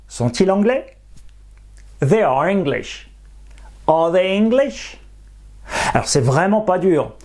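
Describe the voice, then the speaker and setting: Teacher for a beginner language lesson, explains step by step and slows right down for each example sentence. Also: medium pitch, warm tone. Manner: slows down to pronounce each English example carefully; clear step-by-step explaining, with quick asides. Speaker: English teacher.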